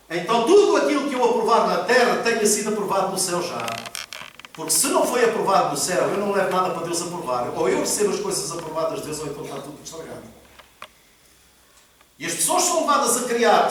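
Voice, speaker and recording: A man's voice: sits high, slight background noise. A male pastor preaching a sermon to a congregation. He repeats key phrases and puts questions to his listeners. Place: church hall. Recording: echoey church hall from far off.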